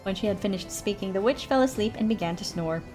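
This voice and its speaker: A woman's voice: medium pitch, fast, music in the background. Woman streamer reading a fairy tale aloud. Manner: gentle reading, chatty asides to viewers. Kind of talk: storybook narration with casual chat.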